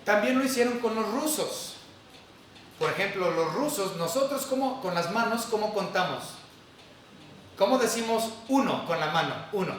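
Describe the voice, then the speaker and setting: A male pastor preaches a sermon in a chatty, question-asking manner, with a somewhat high voice. He is picked up from a distance in a very reverberant church hall. Faint room noise sits underneath. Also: lively intonation, normal speed, a bit bright. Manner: conversational, asks the congregation questions. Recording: echoey hall from far off.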